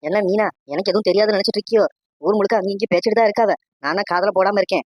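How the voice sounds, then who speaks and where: A performer voicing a bossy, sharp-eared old village matriarch in a cartoon, with a scolding manner. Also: medium pitch, rapid-fire, close to an everyday voice. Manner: scolding, commanding. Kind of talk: animated cartoon dialogue.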